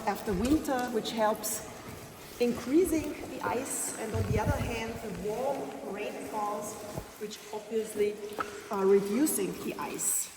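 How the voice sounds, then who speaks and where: High-voiced woman guide in echoing cave. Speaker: tour guide. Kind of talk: explanatory guided-tour talk. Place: inside a large ice cave. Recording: echoey cave, distant mic, noisy.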